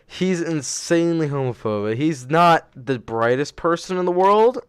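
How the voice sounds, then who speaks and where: A young man co-hosting a casual podcast who tells long stories in an animated way, with lots of "like" and "uh". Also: on the high side, moderate pace, clear, resonant tone. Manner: animated storyteller, frequent fillers. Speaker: podcast co-host.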